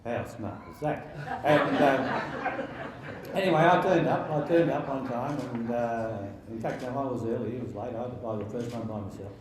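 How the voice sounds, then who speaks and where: A man's voice: medium pitch, crowd noise. Older man giving a speech in an echoey hall. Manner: halting, jokey delivery turning sentimental. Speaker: father of the bride giving a wedding speech. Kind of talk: informal wedding speech to a room of guests. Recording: very echoey room with faint background noise.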